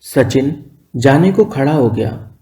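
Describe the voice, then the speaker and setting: A man narrating a scripted story in a calm, even storytelling manner. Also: mid-range voice, slow.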